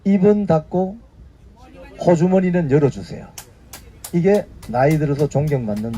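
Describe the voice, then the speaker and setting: Prodding his viewers with short tag questions, this YouTube news briefing host in his fifties gives casual spoken commentary. He speaks at normal speed in a mellow voice on the high side.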